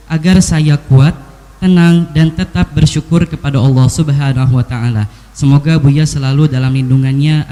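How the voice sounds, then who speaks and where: A man's voice: a little high, warm tone. A man reading out an earnest, pleading question to a preacher. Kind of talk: read-out question.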